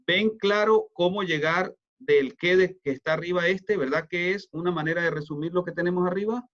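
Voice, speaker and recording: A middle-aged man teaching a class over a call, in a fairly high voice. He explains patiently, checks understanding with frequent tag questions, and the audio comes through a little dull and lo-fi. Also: brisk, a bit bright. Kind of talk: online lecture.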